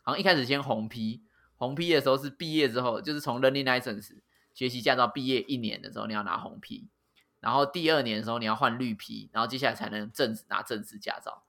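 A man's voice: mid-range voice, quick pace, gravelly, bright, forceful tone. A man with a Taiwanese accent chatting casually as a host, with a teasing, sarcastic manner and crude slang. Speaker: podcast host. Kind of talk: casual chat.

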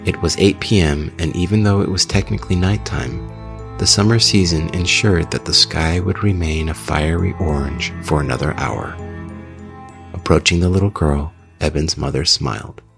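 A man with an extremely deep, gravelly voice narrates a scripted horror tale in a measured, ominous way. He hosts the show, and music plays under his voice. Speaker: horror story podcast host and narrator.

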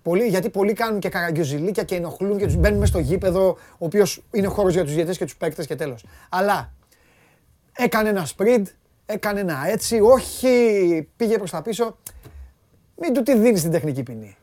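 Rambling, laughing male sports talk host. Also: high-pitched. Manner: animated, rambling, laughs often, trails off mid-sentence.

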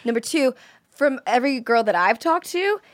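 A woman's voice: high-pitched, lively intonation, no room sound, clean studio sound. Chatty young woman hosting a podcast. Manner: chatty, laughs often, quick asides. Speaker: podcast host. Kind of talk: casual chat.

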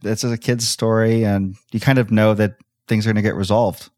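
A man's voice: on the low side, little pitch movement, brisk, a little mellow, no echo, studio quality. A man co-hosting a podcast in easygoing casual chat, hesitating with "uh". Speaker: podcast co-host.

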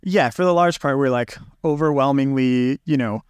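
A man's voice: medium pitch, normal speed, smooth, no echo, clean studio sound. A man who is a podcast guest, talking over research practice in a reflective, loose way with many fillers and restarts. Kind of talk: casual podcast conversation.

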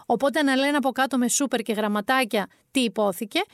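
A woman's voice: fairly high pitch, dry recording, clean studio sound. A woman commenting on politics in a vlog, sarcastic and emphatic, often repeating words for effect.

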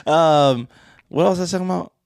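A man's voice: a little high, fairly quick, gravelly, a little mellow, no room sound, studio quality. A man co-hosting a casual podcast, trading joking, profane banter. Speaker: podcast co-host.

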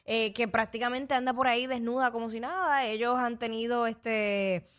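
Chatty high-voiced woman gossip host. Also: steady tone, moderate pace, a bit bright. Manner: chatty, hesitant, with fillers and restarts. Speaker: radio show co-host. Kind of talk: casual entertainment gossip chat.

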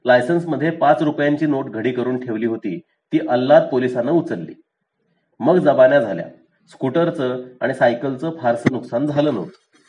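A man narrating a short story aloud in a measured, dry storytelling manner. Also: mid-range voice, dark tone, low-quality recording. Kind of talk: storybook reading.

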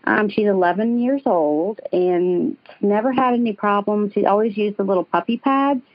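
A woman's voice: medium pitch, normal speed, dry recording. A middle-aged woman with a Southern American accent calls in to a radio show. She rambles through her story with plenty of ums and restarts. Her voice comes over a dull, lo-fi call-in line with a dry sound and no room around it. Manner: chatty, rambling, many ums. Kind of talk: casual chat.

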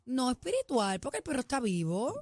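A woman co-hosting a radio show in casual chat, talking emphatically and defending herself quickly. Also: on the high side, big pitch swings, darkish tone, faint music behind. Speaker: radio co-host.

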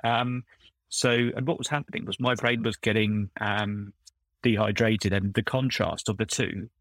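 A man's voice: fairly low pitch, moderate pace, a bit bright, no room sound, low-quality recording. A middle-aged man, a former recruiter turned coach, chatting on a podcast in a rambling, self-correcting storytelling manner. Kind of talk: casual podcast conversation.

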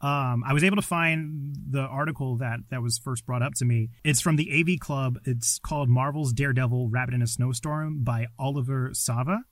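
A man's voice: mid-range voice, moderate pace, few pauses, no echo. A man co-hosting a casual podcast, chatting informally from a small closet. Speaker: podcast co-host.

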